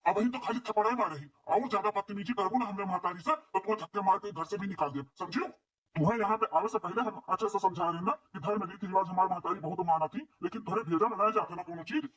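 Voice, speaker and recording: This is a cartoon husband, young and stern, lecturing in an Awadhi accent, voiced by a man. His voice is high and quick. He sounds slightly away from the mic. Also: a bit bright, distant mic. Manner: firm, lecturing. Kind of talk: cartoon comedy voice acting. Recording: voice a little off-mic.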